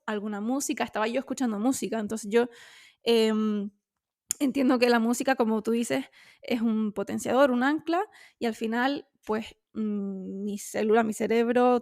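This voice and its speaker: A woman talks candidly as a podcast co-host. Her voice sits a little high, and she talks in a loose, chatty way full of fillers. The sound is dry and close. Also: a little mellow, no room sound. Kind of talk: casual conversation.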